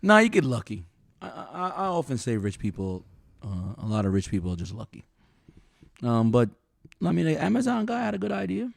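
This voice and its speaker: Gravelly, laughing male podcast co-host. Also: medium pitch, a little fast, no room sound, clean studio sound. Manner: animated, laughs often, thinks aloud with restarts. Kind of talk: casual opinionated chat.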